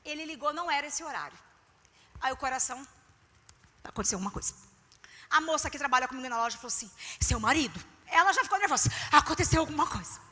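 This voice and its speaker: A woman's voice: high-pitched, fast talker, long pauses. A woman preaching a sermon at a women's service in a church, telling stories with emphasis and speaking straight to the women. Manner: animated storytelling, emphatic, addresses the women directly. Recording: echoey church hall.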